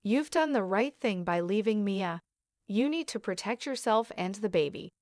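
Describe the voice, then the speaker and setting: A woman voicing a calm, caring older mother who is a retired nurse, speaking in a calm and reassuring way, in a storybook reading. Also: medium pitch, normal speed, no room sound, studio quality, close to an everyday voice.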